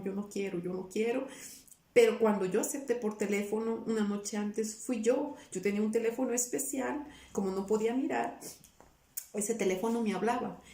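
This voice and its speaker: A woman's voice: medium pitch, mellow. A woman giving an earnest, emotional personal testimony, often repeating her words and quoting her own past pleas. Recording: roomy, somewhat distant from the mic.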